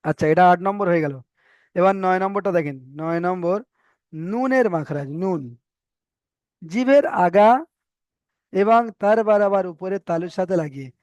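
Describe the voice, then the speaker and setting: In an online tajweed lesson, a man teaches recitation, patiently explaining sounds and repeating them for students to drill. His voice sits high with a darkish tone, and the recording is dry.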